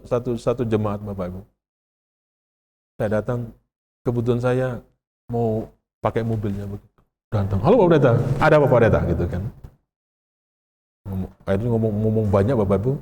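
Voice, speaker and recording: A man with an Indonesian accent preaches a sermon in a conversational, questioning way and keeps checking in with his congregation. His voice sits in a mid register, neither high nor low. It is recorded in a church sanctuary, and the hall gives it a long reverb. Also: dark tone, slight background noise. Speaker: pastor.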